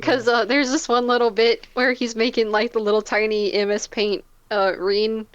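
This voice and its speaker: A young woman co-hosting a casual podcast, relaxed and giggly with dry jokes. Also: fairly high pitch, moderate pace, clear, resonant tone, no room sound, dull audio. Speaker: podcast co-host. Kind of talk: casual chat.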